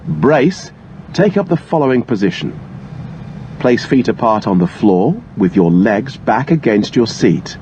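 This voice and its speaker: Over muffled, lo-fi audio full of engine-like cabin noise, a man reads airline cabin safety announcements from a script. His voice is mid-range and a little mellow, and his delivery is formal and instructional.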